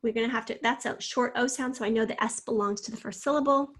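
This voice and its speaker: A woman teacher giving a spelling lesson, slowly sounding out syllables and speaking encouragingly to her students. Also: a little high, steady tone. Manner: slow, drawn-out sounding out of words; encouraging, addresses students directly.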